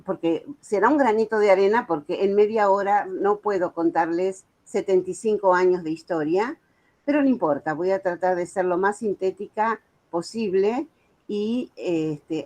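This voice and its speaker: On a lo-fi recording, a woman in her seventies with a Buenos Aires accent speaks in a slightly mellow voice on the low side. An Argentine author and music educator, she delivers a prepared talk as a guest speaker, telling her story earnestly with casual asides.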